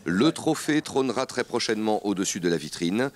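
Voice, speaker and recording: A man reading scripted news narration as a reporter, with an expressive delivery. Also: on the low side, fairly quick, a little hiss or hum.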